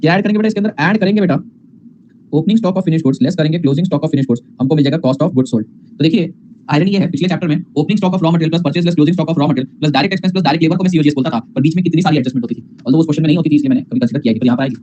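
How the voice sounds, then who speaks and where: A man's voice: on the high side, fast, warm tone, dull audio, slight background noise. A man teaching accounting in a class lecture, mixing in English terms, calling students "beta" and asking questions he answers himself.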